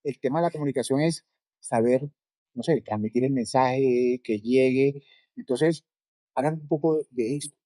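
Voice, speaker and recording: A man's voice: medium pitch, moderate pace, mellow, no echo. A man interviewing casually, hesitating and thinking aloud as he steers the conversation.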